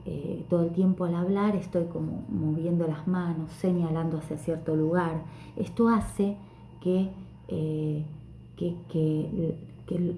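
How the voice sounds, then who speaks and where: A woman's voice: lowish voice, mellow, reverberant, slight background noise. A woman teacher, giving a friendly, conversational online lesson from home with many fillers and restarts. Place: room at home.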